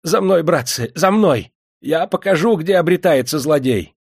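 A man doing a high wailing clerk. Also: lively intonation, a little slow, darkish tone, slightly rough, dry recording, clean studio sound, heavily acted. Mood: fawning. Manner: pleading, wailing. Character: terrified tearful male clerk, groveling.

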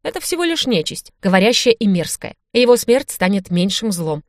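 A woman's voice: very animated, fairly quick, no room sound, studio quality, close to an everyday voice. A woman reading an audiobook voices a big male thug student who whines and panics in a raised, strained voice. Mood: callous. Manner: whining, panicky, high-strung.

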